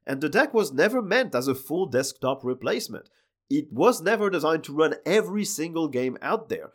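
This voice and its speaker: Hoarse French man hosting a podcast. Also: fairly high pitch, very animated, normal speed. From France. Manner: chatty, loose, trails off with fillers. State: hoarse, sick voice. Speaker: podcast host. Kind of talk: solo tech news podcast.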